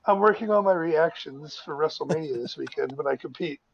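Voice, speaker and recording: A man co-hosting a casual podcast, cracking deadpan jokes and one-liners. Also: fairly high pitch, fairly quick, gravelly, slightly rough. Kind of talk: casual chat. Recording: dull lo-fi sound.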